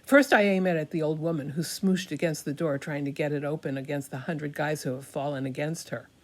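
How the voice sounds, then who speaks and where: Older lady w low voice doing a dramatic reading of a comic story, super hammy stage actor delivery. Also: steady tone, brisk. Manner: hammy, theatrical stage delivery, acting out dialogue. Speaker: performer reading a comic monologue. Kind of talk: dramatic reading of a first-person satirical story.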